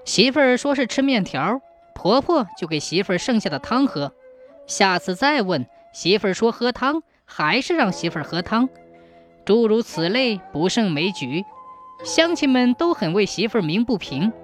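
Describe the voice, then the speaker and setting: A woman narrating a folk ghost story in a steady, measured storytelling manner. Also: medium pitch, soft background music.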